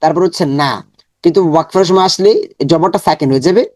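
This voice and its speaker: A man teaches Quran reading one step at a time, slowly splitting words into syllables and repeating each many times before chanting the whole words in long, drawn-out recitation. His voice sits high, and the clean studio recording has no echo.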